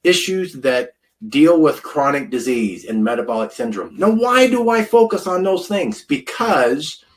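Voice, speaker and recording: A man's voice: a little high, animated, a little slow. A man in his fifties, a food scientist giving an informal wellness presentation, rambling and chatty with many fillers, close to the camera mic. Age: 50s.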